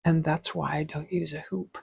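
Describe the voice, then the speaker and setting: A woman's voice: low-pitched, flat delivery, normal speed, vocal fry, slightly rough, dry recording, dull audio. A woman teaching a casual craft tutorial, chatty and rambling as she thinks aloud. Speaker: stitching teacher.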